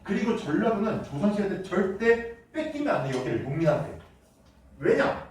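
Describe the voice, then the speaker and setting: Lively male teacher in echoey classroom. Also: sits high, normal speed, recorded from a distance. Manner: lively, asks students questions. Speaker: middle school history teacher. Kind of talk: classroom lecture.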